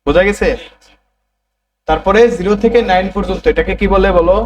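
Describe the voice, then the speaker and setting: A man's voice: high voice, steady tone, fairly quick, rough recording. A man teaching a computer class, repeating terms and prompting students to say them back. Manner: repetitive, drilling students to answer back. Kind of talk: classroom lesson.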